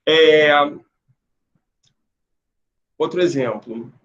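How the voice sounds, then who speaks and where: High-voiced male teacher giving a remote class. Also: extremely slow, muffled recording. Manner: explanatory, asks "né?" and "ok?" often, with frequent restarts.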